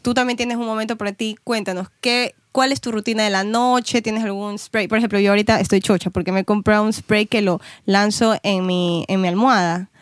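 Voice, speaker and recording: A woman's voice: medium pitch, fairly even intonation, a little fast, few pauses, no echo, studio quality. A woman hosting a casual chat, asking her guest friendly questions. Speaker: host.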